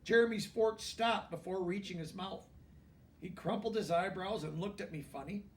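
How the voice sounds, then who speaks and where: A man reading a children's book aloud in an expressive way, pausing for emphasis. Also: high voice, distant mic. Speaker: storybook reader. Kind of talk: children's book read-aloud with brief asides.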